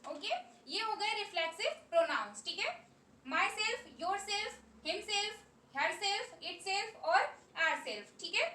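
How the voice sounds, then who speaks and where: A very high-pitched woman with an Indian accent teaches a classroom grammar lesson, slowly drilling lists of words and repeating each one. Her voice is bright and carries, and she sounds distant from the mic in an echoey room with faint noise behind her. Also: expressive. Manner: slow, repetitive drilling of word lists.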